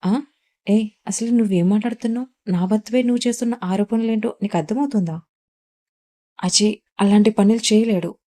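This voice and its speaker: A woman's voice: medium pitch, steady tone, brisk, dark tone, close to an everyday voice. A woman reading the part of a loyal young village wife who speaks earnestly in her husband's defence.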